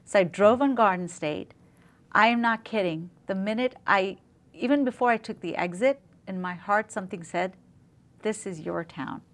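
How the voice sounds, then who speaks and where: A middle-aged woman from Zambia, a dentist, talking in a casual interview with eager, warm storytelling and frequent fillers. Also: mid-range voice, moderate pace.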